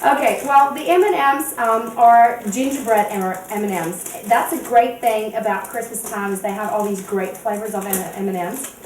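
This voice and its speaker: Her voice fairly high and a little mellow, a cooking show host moves at a moderate pace through a kitchen demonstration, chatty and giggly at every step. The audio has a distant mic, an echoey kitchen, and faint noise.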